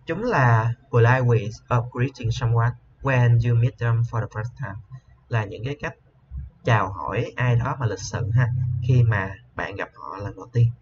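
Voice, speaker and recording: A male teacher explains an English lesson. He is patient, repeats each word slowly, and often adds a soft tag to his sentences. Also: mid-range voice. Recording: slightly dull lo-fi with faint hiss.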